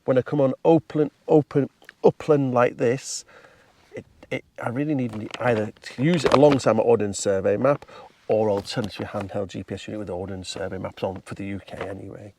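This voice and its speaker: A man's voice: lowish voice, steady tone, a little fast, a little mellow, recorded from a distance, slight background noise. A man presenting a casual walk-and-talk review outdoors, chatty and enthusiastic, speaking conversationally.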